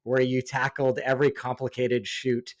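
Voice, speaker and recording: A man hosting a podcast, chatting in a relaxed, friendly and curious way with his guest. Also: mid-range voice, normal speed. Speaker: podcast host. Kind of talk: casual podcast interview and read ad.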